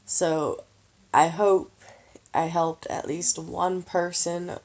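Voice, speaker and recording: A tired woman giving casual budgeting advice in a vlog, slow and halting with lots of pauses and fillers. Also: fairly low pitch, little pitch movement, darkish tone. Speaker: vlogger.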